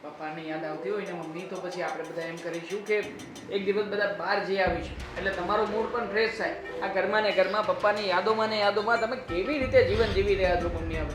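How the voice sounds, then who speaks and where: Young actor as anxious son; concerned, pleading, roomy echo, film drama. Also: male voice, high-pitched, steady tone, fast, music in the background, lightly acted. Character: worried son torn between mother and wife.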